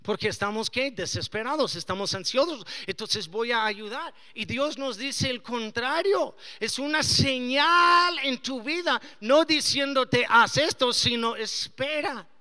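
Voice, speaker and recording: High, bright-voiced preaching man. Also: measured pace, hardly any pauses. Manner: animated preaching, often rising to shouts. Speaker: pastor. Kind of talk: sermon. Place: church service.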